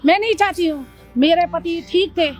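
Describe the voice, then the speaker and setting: A woman's voice: extremely high pitch, normal speed, soft background music. A woman playing a hurt wife who firmly refuses to let her sister stay, in an amateur skit. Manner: firm, refusing.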